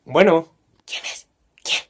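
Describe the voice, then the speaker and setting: A woman's voice: slow, heavy background noise. A woman with a Mexican Spanish accent acting out exaggerated comedy sketches, switching between mother and child roles.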